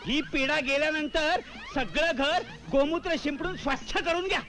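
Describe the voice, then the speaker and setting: A scandalized prudish landlord. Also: male voice, very high voice, normal speed. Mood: outraged. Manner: moralizing, scandalized outbursts. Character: prudish indignant middle-aged male landlord. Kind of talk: 1980s comedy film acting.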